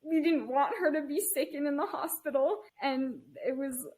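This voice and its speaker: A woman's voice: high voice, steady tone, normal speed, darkish tone. A woman in her early twenties co-hosting a podcast, chatting casually and telling stories with dry sarcasm. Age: early 20s. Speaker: podcast co-host. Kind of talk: casual chat.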